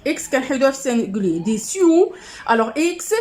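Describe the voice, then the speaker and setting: High-voiced Moroccan woman teaching a lesson. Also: big pitch swings, darkish tone. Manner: patient, repeats each word then its rule, asks "c'est bon?"; switches into fast Moroccan Arabic asides. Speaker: primary school teacher. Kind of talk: classroom lesson correcting exercises.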